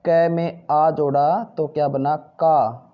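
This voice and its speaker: Speaking slowly in a level tone, a male Hindi teacher with a fairly high voice patiently works through textbook exercises; the recording has its highs cut off. He asks things and answers them himself, repeating "ठीक है" and "भाई".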